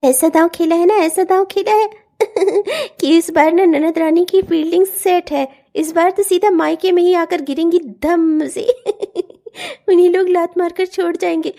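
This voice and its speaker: A woman's voice: extremely high pitch, fairly even intonation, unhurried, warm tone. A woman voicing a gloating, scheming woman in a cartoon, cackling and smug. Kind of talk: cartoon voice acting.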